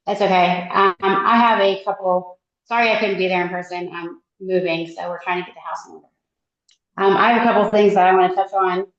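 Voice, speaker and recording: A woman's voice: fairly low pitch, steady tone, a little fast. A woman calling into a meeting remotely on an echoing speakerphone, asking pointed, confrontational questions. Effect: echoing speakerphone call audio. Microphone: phone on speaker, remote call. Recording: muffled, echoey remote call line.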